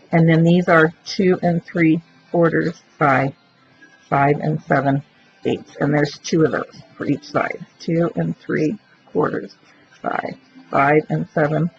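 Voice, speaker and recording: Woman, craft tutorial, gravelly voice, chatty step-by-step talk, dull lo-fi sound with faint hiss. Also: sits low. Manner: chatty, explains while working, thinks aloud. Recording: dull lo-fi recording with faint noise.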